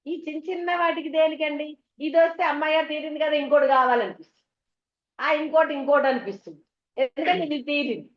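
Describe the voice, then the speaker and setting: Talking fast in a high-pitched voice, this spiritual teacher delivers a devotional discourse to an audience. She is chatty, full of homely stories, and keeps asking the crowd questions, all captured in a dull hall recording with plenty of echo.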